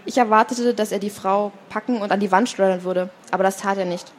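Woman, live novel reading, steady narration, fair stand. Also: medium pitch, fairly quick, a little hiss or hum. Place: book fair stand, indoors.

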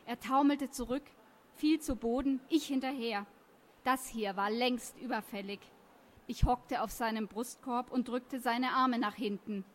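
A woman presenting a children's book, retelling the plot and reading excerpts aloud in a lively storytelling way. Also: a little high, unhurried.

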